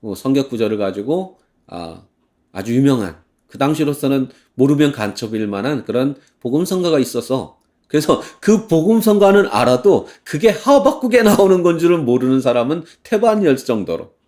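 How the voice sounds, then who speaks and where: Lively-voiced male pastor preaching. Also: medium pitch. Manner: animated, acts out shouted complaints, sings a hymn slowly. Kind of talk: sermon. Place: church.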